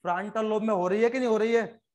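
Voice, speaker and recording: High-voiced, joking Indian biology teacher. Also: male voice. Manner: joking, animated, fast-talking lecturer who puts on quick voices for stories. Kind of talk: classroom lecture.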